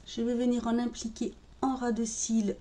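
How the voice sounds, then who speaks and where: A woman narrating a makeup tutorial in a calm, step-by-step way while she works. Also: fairly high pitch, moderate pace. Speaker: makeup vlogger. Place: home room with birdsong outside.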